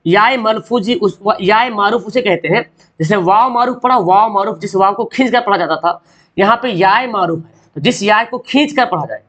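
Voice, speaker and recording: High-voiced man teaching grammar. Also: fairly bright tone. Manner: repeats questions and answers them himself; drawn-out sounds to show pronunciation. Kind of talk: online grammar lesson.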